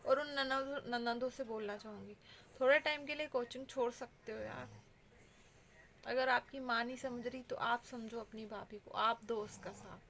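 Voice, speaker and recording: A woman's voice: fairly high pitch, fairly bright tone, slight background noise. A woman vlogger giving heartfelt advice straight to her viewers, earnest and pleading in a conversational way.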